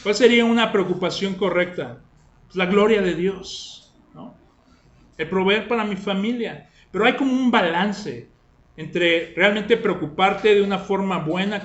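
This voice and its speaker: A man's voice: high-pitched, a bit bright, roomy sound, lo-fi sound. A man preaching a sermon in a conversational way, often asking his listeners rhetorical questions. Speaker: pastor.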